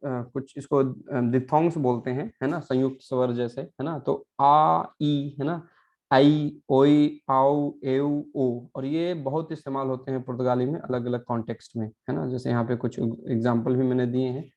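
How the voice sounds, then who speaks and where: A man's voice: mid-range voice, fairly even intonation, a little mellow, highs cut off. A man teaching a pronunciation lesson, patient and repetitive, often checking in with his students. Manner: patient, repeats words slowly and adds frequent "है ना" checks. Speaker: Portuguese language teacher.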